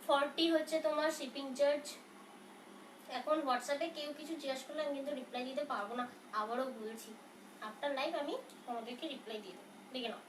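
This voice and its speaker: Soft-spoken woman selling sarees live. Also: sits high. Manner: chatty, reassuring, answers viewers' questions. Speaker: saree seller on a live stream. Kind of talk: casual live sales talk. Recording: roomy, from a distance, faint noise.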